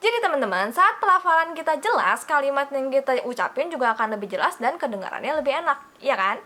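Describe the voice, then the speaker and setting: A young woman gives a casual language lesson to her viewers. Her voice sits high and sounds bright and forceful. She chats along, calls herself by her own name and keeps asking rhetorical questions. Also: big pitch swings, fast. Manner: chatty, asks listeners rhetorical questions. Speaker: Mandarin teacher.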